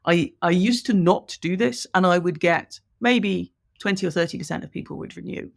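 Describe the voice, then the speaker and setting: On a conversational podcast, a guest business coach from Ireland, speaking with an English accent, talks with enthusiasm and laughs while explaining. Her voice is fairly low and gravelly, delivered at normal speed.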